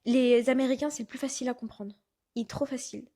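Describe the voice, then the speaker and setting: A young woman from France tells a lively story on a relaxed podcast, acting out the lines of the people in it. Her voice sits a little high for a woman, and her talk stays casual and chatty. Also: fast. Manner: animated storytelling, acting out quotes. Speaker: podcast co-host. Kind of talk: casual chat.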